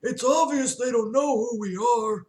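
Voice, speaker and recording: A woman's voice: fairly high pitch, a little slow, a little mellow, voice pushed up, lightly acted. Scornful male archangel leader, put on by a woman reading aloud. Lofty and mocking, in a roomy space. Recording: roomy echo.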